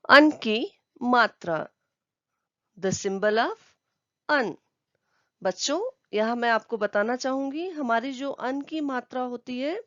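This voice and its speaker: A woman's voice: on the high side, dry recording, muffled recording. A woman teacher giving a lesson to children, explaining patiently step by step.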